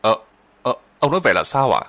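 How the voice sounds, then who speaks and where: A man's voice: mid-range voice, sing-song, quick pace, a bit bright. A man voicing a timid young male servant who speaks politely and hesitantly, stammering when frightened.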